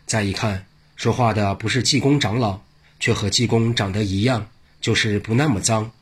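A man narrating a traditional tale in a measured, classical style and addressing his listeners in asides. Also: on the low side, fairly even intonation, husky. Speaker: storyteller.

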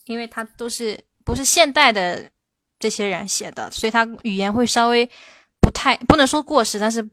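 A woman's voice: a little high, a bit bright, no room sound. Woman teaching English on a livestream. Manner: explains with slow, stressed English examples. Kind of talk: livestream Q&A lesson.

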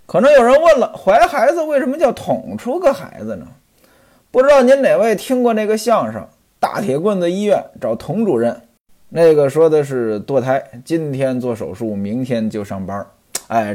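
A man's voice: a little high, big pitch swings, moderate pace, darkish tone. A man telling and explaining a classic story, chatting directly to his listeners. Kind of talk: storytelling commentary on a classic novel.

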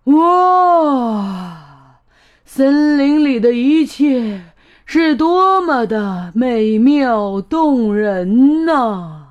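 A woman's voice: sits high, very animated, extremely slow, exaggerated voice. A woman playing a sly coaxing wolf. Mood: delighted. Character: smooth-talking male big bad wolf. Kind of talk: storybook voice acting. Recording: dull lo-fi recording.

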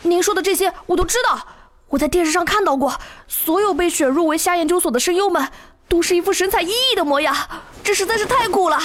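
A woman's voice: very high-pitched, fast talker. A woman voicing an earnest young voice-actor applicant who pleads politely and stammers in panic, in an audio drama with faint music. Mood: pleading. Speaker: applicant Zhang Yiming.

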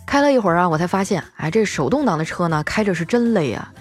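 A woman's voice: on the low side, lively intonation, fast, breathy edge, soft background music. A female host telling scripted comic stories in a playful way, chuckling between jokes.

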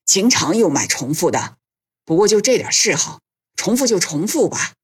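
A woman reading an audiobook, voicing a courteous male businessman in a lowered voice. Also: very animated, normal speed, husky. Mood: easygoing.

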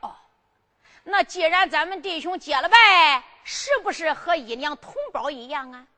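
A woman's voice: high-pitched, moderate pace, pushed and bright, in a large hall. A woman playing an emperor who coaxes and persuades his hot-tempered sworn brother in a storytelling performance. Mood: coaxing. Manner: coaxing, persuasive, pleading. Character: scheming, coaxing male emperor, older sworn brother.

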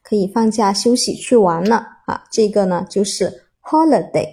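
Explaining an English vocabulary word to learners step by step, a woman speaks at normal speed in a medium-pitched, mellow voice with vocal fry and a breathy edge. She's patient, spelling letters aloud and repeating herself with lots of fillers.

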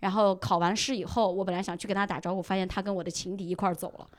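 Young woman, podcast guest; quick, lively storyteller who plays out each quote. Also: medium pitch. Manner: animated storyteller who acts out quoted lines. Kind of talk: casual chat, storytelling.

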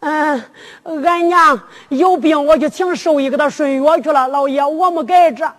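A drum-ballad storyteller playing a crowd of boastful male yamen runners with a Henan accent, chattering in a rustic, quick-fire way. The voice is high and bright, ringing in a reverberant hall.

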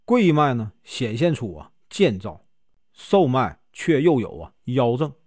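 A man voicing a grave, cautious old male doctor in a storybook tale, with a Northeastern Mandarin accent and measured delivery. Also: mid-range voice, sing-song, darkish tone, dry recording, clean studio sound. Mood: solemn.

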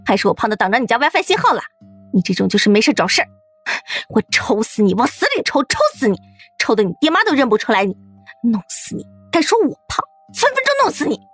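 A man putting on a shrill, furious young woman. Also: sing-song, fast, few pauses, no echo, soft background music. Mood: raging. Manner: shrill yelling tirade. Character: furious plump young woman, quick-tempered and fierce. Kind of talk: storytelling character voice.

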